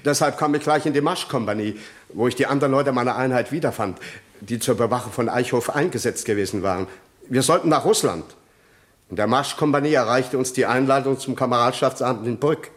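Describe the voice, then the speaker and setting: A measured witness, played by a man, recounts events to the court in a vintage radio play. His delivery is even and matter-of-fact at a middle pitch. Nothing about it is showy. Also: close to an everyday voice. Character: calm male witness giving sworn testimony. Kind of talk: 1960s radio drama acting.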